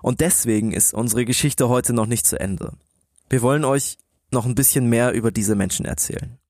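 A male podcast co-host tells stories conversationally in a dry recording with almost no room sound. His pitch sits in the middle of the male range. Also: moderate pace, darkish tone, no room sound.

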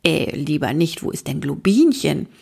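A woman voicing a kindly, easygoing old vampire grandfather in an audiobook, gentle and a little self-mocking. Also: low-pitched, very animated, moderate pace, creaky, husky, exaggerated voice. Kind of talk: audiobook character voice.

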